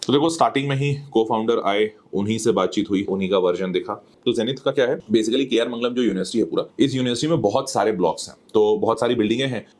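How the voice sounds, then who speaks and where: A man's voice: lowish voice, fast talker, hardly any pauses, darkish tone. A man hosting a casual campus tour vlog, talking freely in a mix of Hindi and English as he walks around a university campus. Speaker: educator and vlogger host.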